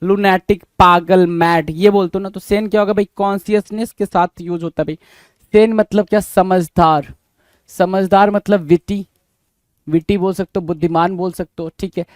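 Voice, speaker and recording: Indian male tutor, high voice, dry close mic, quizzing students on word meanings. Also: steady tone, moderate pace, dry recording. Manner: keeps asking the class questions, Hindi-English mix. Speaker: English vocabulary teacher. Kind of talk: exam-prep vocabulary lesson.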